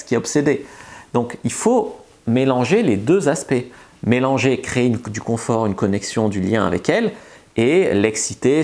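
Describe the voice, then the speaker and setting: A man's voice: mid-range voice, creaky, darkish tone. Casual, chatty male seduction coach. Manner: loose and chatty, frequent filler words and restarts. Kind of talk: casual advice monologue to camera.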